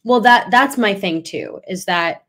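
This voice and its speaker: A young woman hosts a sports podcast, speaking casually in a mid-range voice at a slightly slow pace. She becomes animated, her talk rising in emphasis.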